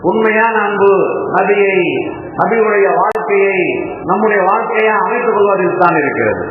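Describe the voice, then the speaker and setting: A man who heads an Islamic college gives a slow, emphatic sermon at a mosque compound, speaking through a PA with Arabic phrases woven in. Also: sits high. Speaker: Islamic college principal giving a religious lecture. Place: mosque compound, public address. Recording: very echoey, dull, noisy PA sound.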